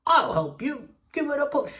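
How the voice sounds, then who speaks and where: A woman's voice: sits high, big pitch swings, moderate pace, a bit bright, voice pushed up. A woman voicing a kind, helpful little male frog in a read-aloud picture book, with a chirpy, eager manner.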